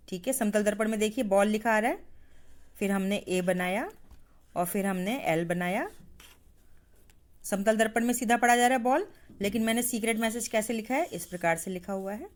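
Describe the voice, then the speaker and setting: A woman teacher giving a patient, step-by-step science lesson to schoolchildren, spelling letters aloud as she demonstrates. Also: mid-range voice. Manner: patient, addresses pupils as "beta".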